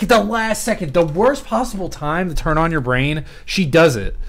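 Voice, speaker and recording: A man's voice: on the high side, a bit bright. Profane young male gameplay streamer. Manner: profane, rambling, talks to chat. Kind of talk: casual gameplay commentary.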